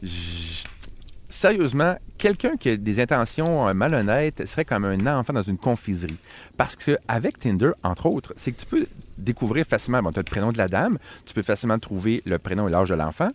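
A man's voice: on the low side, sing-song, a little fast, slight background noise. A man with a Québécois French accent, a tech guest on a podcast, telling a self-mocking story in casual chat. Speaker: podcast guest, tech and social media expert.

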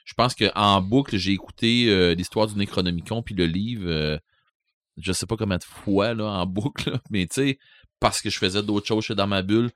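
A man's voice: lowish voice, normal speed, fairly bright tone, dry recording. A man with a Québécois accent, co-hosting a podcast in casual chat, rambling with many fillers and restarts. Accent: Québécois French. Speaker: podcast co-host.

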